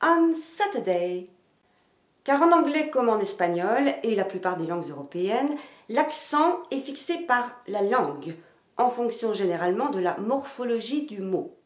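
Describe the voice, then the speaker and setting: A woman teaching phonetics in a slow, deliberate scripted narration, demonstrating intonation and stress with varied emphasis. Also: on the high side, expressive. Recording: roomy echo.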